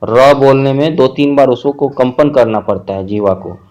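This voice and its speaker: A man's voice: medium pitch, darkish tone, muffled recording. A man teaching a grammar lesson, explaining step by step and listing examples one at a time with frequent check-ins. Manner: slow, methodical explaining with frequent "theek hai" check-ins.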